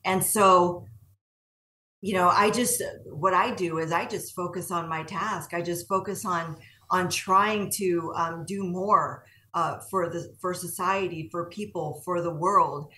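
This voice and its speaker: Woman, earnest interview guest, low-ish pitch, bright edge, roomy sound from a distance. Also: fairly even intonation, a little slow. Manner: earnest, repeats words while searching for them. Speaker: guest entrepreneur. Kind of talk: interview answers. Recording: echoey room heard from a distance.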